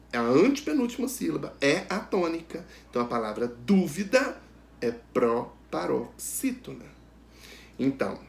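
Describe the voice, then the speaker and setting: A man with a somewhat high voice teaches a grammar lesson, addressing students directly and asking questions he then answers himself. He stretches each example word out slowly and loudly.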